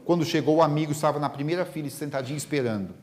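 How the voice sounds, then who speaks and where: A man giving a spiritist lecture, telling anecdotes in an animated way and acting out the dialogue. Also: on the high side, rapid-fire, in a large hall. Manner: animated storytelling that acts out the dialogue. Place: lecture hall.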